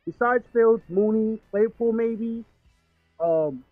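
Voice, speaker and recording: Muffled high-voiced man, as if through a wall. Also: dry recording, faint music behind. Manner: halting, with many fillers and restarts. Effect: muffled, as if heard through a wall. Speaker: caller. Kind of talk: casual call-in chat about football. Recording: dull muffled phone call.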